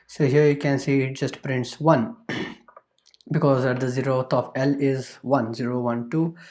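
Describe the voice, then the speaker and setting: This coding tutor talks unhurriedly in a steady, mid-range, slightly mellow voice while running code in a screen recording. His explanations wander and repeat, packed with fillers and false starts.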